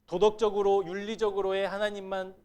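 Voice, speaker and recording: Man preaching, fairly high voice. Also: little pitch movement, brisk, a little mellow, clean tone. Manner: asks the congregation questions and acts out quoted lines. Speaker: pastor. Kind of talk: sermon. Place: church sanctuary.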